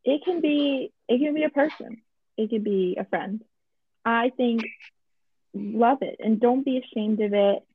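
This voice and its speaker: A woman guesting on a casual podcast rambles in an earnest way. Her voice is slightly high and breathy. She sounds thin and tinny, like a phone line. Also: unhurried, no room sound. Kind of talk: casual chat.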